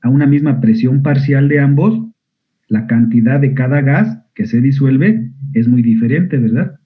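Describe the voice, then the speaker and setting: Man, lecturer, quizzes students, clears throat, narrow phone-like sound. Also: medium pitch, unhurried. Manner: asks students frequent questions, clears throat often. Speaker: medical school lecturer. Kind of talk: online physiology lecture.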